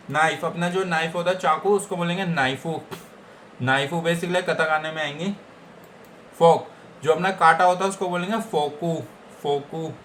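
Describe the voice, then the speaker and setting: A man's voice: fairly high pitch, fairly bright tone, a little hiss or hum. A man with an Indian accent teaching Japanese vocabulary in a casual lesson, repeating each word and checking in with his listeners. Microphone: computer setup.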